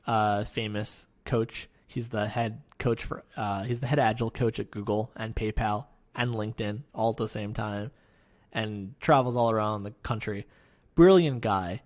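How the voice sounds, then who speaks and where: A man's voice: lowish voice, steady tone, normal speed. A man hosting a podcast, chatting casually and animatedly, swearing freely and acting out people he quotes. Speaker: podcast host.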